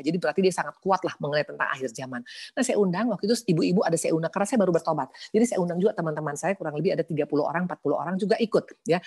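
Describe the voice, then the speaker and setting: Woman, middle-aged, sermon with testimony, quick delivery, lowish voice, emotional and pleading, mixes in English words. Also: darkish tone, breathy edge. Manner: emotional, pleading, addresses listeners as sister; sprinkles English words into her talk. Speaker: women's prayer-fast speaker.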